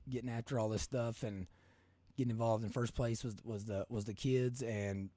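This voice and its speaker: Hoarse, raspy Kentucky man podcasting. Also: medium pitch, fairly even intonation, moderate pace, dark tone, no room sound. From Kentucky, United States. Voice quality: hoarse smoker's rasp. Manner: folksy, rambling, colloquial. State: hoarse from coaching. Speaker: podcast host. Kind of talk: casual podcast monologue.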